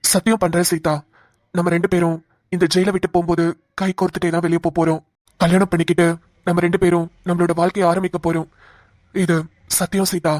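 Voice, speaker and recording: A woman's voice: lowish voice, level tone, quick pace, pauses often, darkish tone, dry recording, clean studio sound, natural voice. A woman voicing a devoted young man in a cartoon, making a solemn vow in an earnest tone.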